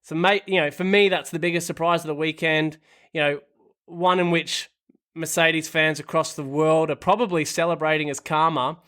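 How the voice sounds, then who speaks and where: A man's voice: fairly high pitch, fairly even intonation, moderate pace, bright, forceful tone, smooth. A man co-hosting a casual podcast discussion, leading the talk with long recaps and questions to the others. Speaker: podcast co-host.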